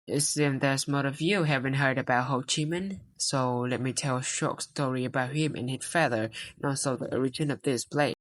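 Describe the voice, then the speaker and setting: Low-voiced Vietnamese young woman narrating. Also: normal speed, hardly any pauses. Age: young adult. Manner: careful, read-aloud delivery. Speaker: student presenter playing a tour guide. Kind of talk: scripted school project narration. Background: background music.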